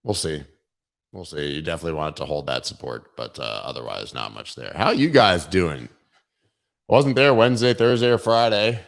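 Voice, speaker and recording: Deep-voiced man with a worn-out voice. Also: expressive, normal speed, creaky. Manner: joking, irreverent, swears casually. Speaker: crypto livestream host. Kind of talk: casual market commentary.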